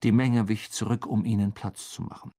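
A man narrating a children's fantasy novel in a measured, expressive reading voice. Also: fairly low pitch. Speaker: audiobook narrator. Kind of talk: storybook narration.

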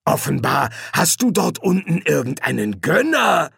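A man voicing a smug, menacing senior male demon who speaks slowly and gloats. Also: fairly high pitch, big pitch swings, creaky, a bit bright, husky, no echo, clean studio sound, pitched above the performer's own voice, exaggerated voice. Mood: gloating. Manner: slow, gloating.

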